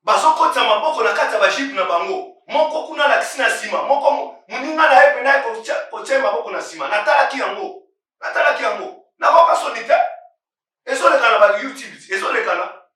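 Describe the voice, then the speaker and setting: A man from Congo, preaching on current events with emphatic repetition that rises into shouts. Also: very high-pitched, animated, fast talker. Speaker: pastor. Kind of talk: impassioned sermon on current events. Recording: very echoey room, voice far from mic.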